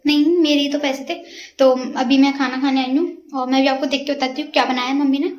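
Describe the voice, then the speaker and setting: Young woman vlogging on her phone outside, high voice, chatty and teasing, laughing with neighbourhood kids. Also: fairly even intonation, fast, noisy background. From India. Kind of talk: casual family vlog chat. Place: outdoors in a village neighbourhood.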